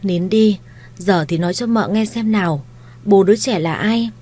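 A woman voicing a kind, shrewd young mistress of a household, speaking in a gentle, coaxing, reassuring way. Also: medium pitch, normal speed, close to an everyday voice.

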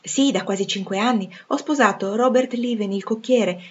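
A woman voicing a warm-hearted young former nursemaid, talking in an eager, gossipy, affectionate way, in a dull lo-fi recording. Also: fairly high pitch, normal speed, pitched above the performer's own voice, natural voice. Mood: chatty.

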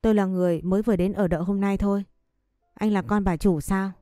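A woman's voice: mid-range voice, steady tone, brisk, mellow, no echo, clean studio sound, faint music behind, lightly acted. A woman voicing a polite, shy nineteen-year-old maid in a storybook reading. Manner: polite, deferential.

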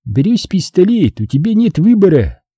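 A man voicing a cheerful, cocky male enemy commander who shouts orders from cover in an audiobook. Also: sing-song, moderate pace, husky, no echo, studio quality, exaggerated voice. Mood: persuading. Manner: shouting, raised pitch.

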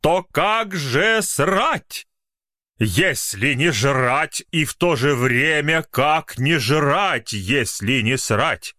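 A man's voice: a little high, expressive, sharp tone, no echo, studio quality, voice pushed up, full character voice. Man doing a pompous village poet. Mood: declaiming. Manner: slow, declamatory, mock-solemn.

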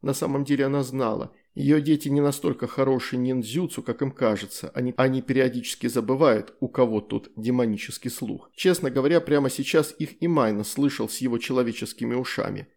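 Guy reading an audiobook, gravelly voice, lively delivery. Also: mid-range voice, a little fast, few pauses. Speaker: audiobook reader. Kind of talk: storytelling narration.

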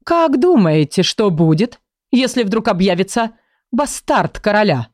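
A woman's voice: mid-range voice, big pitch swings, a little slow, darkish tone, dry recording, clean studio sound. A woman voicing a sarcastic, scoffing female chronicle book. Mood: mocking.

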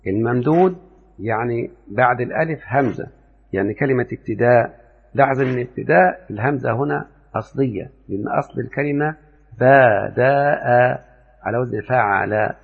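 A man with an Egyptian Arabic accent gives a grammar lesson, explaining step by step and often quizzing his students. His voice is gravelly and husky. The recording sounds thin and phone-like, with a long reverb tail. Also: medium pitch. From Upper Egypt. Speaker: grammar teacher. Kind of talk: classroom lecture on Arabic morphology.

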